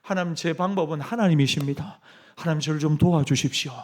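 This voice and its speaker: A man's voice: fairly high pitch, fast, natural voice. A man voicing Jacob's prayer in a sermon, pleading desperately and humbly.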